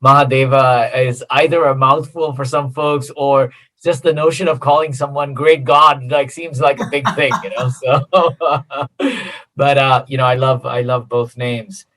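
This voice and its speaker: A middle-aged American man, a consultant appearing as a guest, answers interview questions in a relaxed, friendly manner and uses lots of fillers. His voice is mid-range and unhurried.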